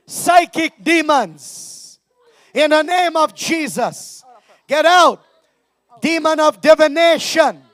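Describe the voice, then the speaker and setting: A male preacher with a very high-pitched voice shouts deliverance prayers, commanding spirits to leave in slow, repeated, chant-like phrases.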